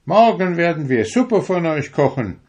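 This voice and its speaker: A man's voice: a little high, sing-song, unhurried, darkish tone, slightly rough, pitched above the performer's own voice, exaggerated voice. A man voicing a small, curious boy in a storybook reading, in a raised, eager voice.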